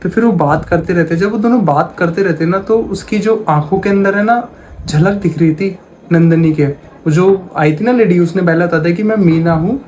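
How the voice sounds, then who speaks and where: A man's voice: high voice, normal speed, a little mellow, slight background noise. Man telling a horror story casually. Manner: retells dialogue in plain conversational voice, repeats phrases.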